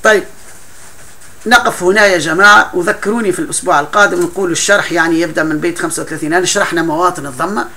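A man's voice: high voice, fairly even intonation, racing, pushed and bright. A man teaching a classroom grammar lesson, explaining patiently with frequent laughs and broken-off restarts.

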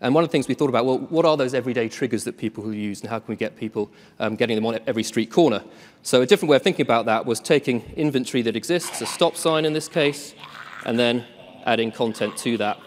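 A man giving a relaxed, self-deprecating live tech demo on stage, with lots of ums. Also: mid-range voice, slight background noise. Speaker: tech presenter. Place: large conference hall. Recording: long reverb of a large hall.

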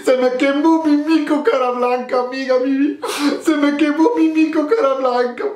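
A man voicing a frantic woman who wails in a shrill, sobbing way over her burned pet. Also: steady tone, normal speed, a little mellow, natural voice. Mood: frantic wailing. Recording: roomy echo.

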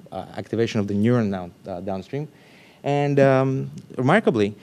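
Male researcher at a conference lectern, mid pitch, unscripted, restarts a lot, jumps louder and higher when excited. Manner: loose, thinking aloud with restarts, animated bursts of emphasis. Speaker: scientist giving a conference talk. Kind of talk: academic conference talk. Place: lecture room.

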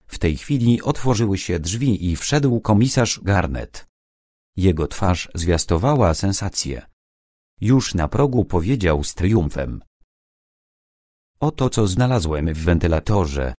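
Male audiobook narrator, very deep and lively in pitch, dry close sound. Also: unhurried, no echo. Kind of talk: scripted crime-novel narration.

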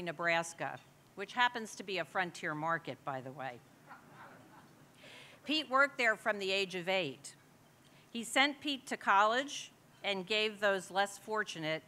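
A woman's voice: fairly low pitch, bright, forceful tone. A woman giving a formal, earnest introduction at an awards dinner. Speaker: co-chair presenting an award.

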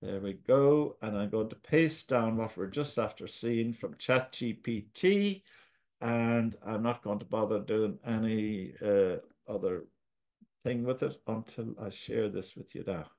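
A man's voice: on the low side, a little slow, darkish tone. A man with an Irish accent giving a screen-share tutorial, patiently talking through each step as he goes. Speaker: tutorial presenter.

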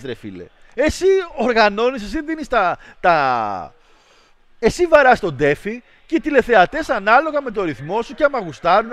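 A man hosting a livestream, chatting casually with viewers and ranting in a mocking, animated way. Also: high voice, no echo. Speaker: livestream host. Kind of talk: casual stream chat with viewers.

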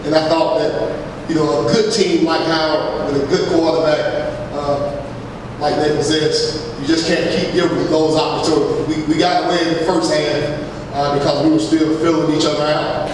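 A middle-aged man, a head football coach, answering press questions after a game in a measured, halting way with many fillers and restarts. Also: on the high side, level tone. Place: press room with backdrop, large echoey space. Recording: echoey hall, far mic, noisy.

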